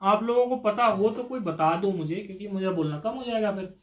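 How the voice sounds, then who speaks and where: High-voiced man teaching grammar. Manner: drawn-out chanting of sutras, coaxing questions to students. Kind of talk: classroom lecture explaining a grammar rule. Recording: echoey room.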